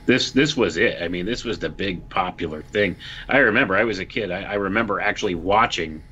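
A man in his forties co-hosting a casual live-stream talk, relaxed and quick to agree. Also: deep voice, breathy edge, highs cut off. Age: 40s. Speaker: podcast co-host.

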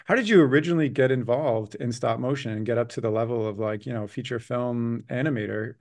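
A man's voice: medium pitch, quick pace, darkish tone. A man hosting a casual interview, asking enthusiastic questions. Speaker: podcast host.

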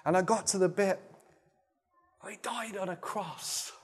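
A man preaching a sermon, sharing his testimony and praying, moving between loud emphatic bursts and quiet, intense moments. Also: high voice, measured pace, a little hiss or hum.

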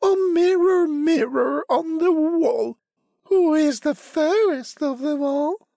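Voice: slow pace, vocal fry, no echo, studio quality, full character voice. A reader shrieking as a vain, spoiled queen. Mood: shrill demanding. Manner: shrill shouting.

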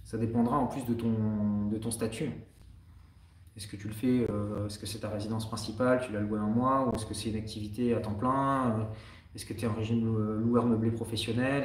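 A man's voice: lowish voice, darkish tone, far from the mic. A man from France with a French accent, answering viewers' questions in a casual, direct live stream. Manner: direct, informal, many fillers. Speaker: real estate investor answering live questions. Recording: roomy sound from off the mic.

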